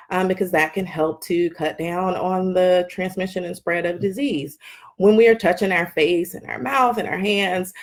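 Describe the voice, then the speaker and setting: A woman doctor giving a live health update from her wellness clinic, calm and explanatory, often pausing with um. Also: low-pitched. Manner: calm, explanatory, with frequent ums.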